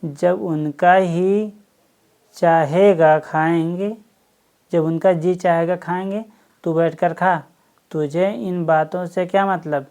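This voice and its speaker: A blunt, dismissive village stepmother speaks in a low, slow, mellow voice, as a woman reads her out. She talks with curt finality. It is a plain storybook reading. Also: steady tone.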